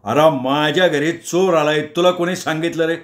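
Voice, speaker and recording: A man's voice: fairly high pitch, steady tone, moderate pace, reverberant, natural voice. A man voicing an exasperated middle-aged male neighbour who scolds and accuses in an agitated way, in a storybook reading. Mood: angry.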